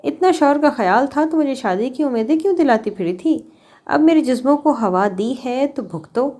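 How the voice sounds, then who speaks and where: This is a vengeful young male villain in an audio novel, voiced by a woman narrator. He sneers and threatens, with a raised, forceful pitch. The tone stays cruel and mocking. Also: animated. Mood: taunting, menacing.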